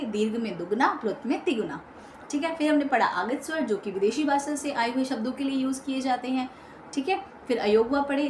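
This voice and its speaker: A woman's voice: sits high, darkish tone. A woman teaching an online grammar lesson, explaining patiently, checking in with her students often and mixing in English words. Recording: echoey room, faint background hum.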